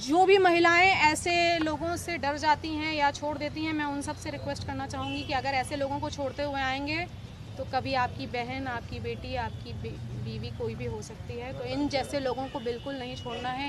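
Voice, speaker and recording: High-voiced indignant woman addressing press. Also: fairly even intonation, moderate pace. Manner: indignant, forceful, rising to loud emphatic appeals. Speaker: political party leader. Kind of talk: impassioned statement to the press.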